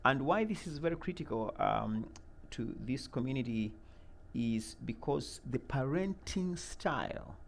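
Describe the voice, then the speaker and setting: In an animated, mid-range voice with vocal fry, this middle-aged man from Uganda takes interview questions about a mentoring program. He is earnest and measured, leaning on fillers and repeated words, and a slight hiss or hum sits in the background.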